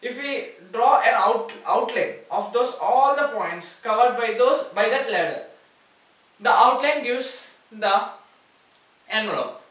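A man's voice: very high voice, expressive, slow pace, fairly bright tone. A man with an Indian English accent teaching maths at a board, explaining step by step and repeating key words. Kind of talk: whiteboard lecture. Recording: echoey room, far from mic.

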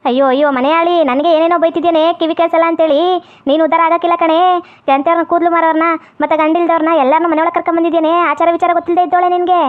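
A woman voicing a deaf, cranky old grandmother who scolds fast and holds to strict customs, in a comedy skit. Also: level tone. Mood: wailing. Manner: scolding, shrill and quick. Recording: tinny phone-like sound.

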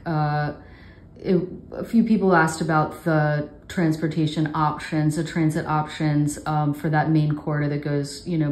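A woman with a low voice asks her questions casually, with plenty of "like" and "um" along the way. She is heard in a roomy space. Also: a little mellow. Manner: casual, filler-heavy phrasing. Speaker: interviewer.

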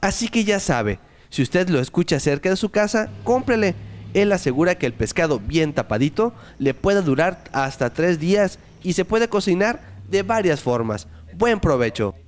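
A male reporter reads a scripted news feature in an upbeat, clear voice. His pitch is a bit high and very lively, with faint noise behind. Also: moderate pace.

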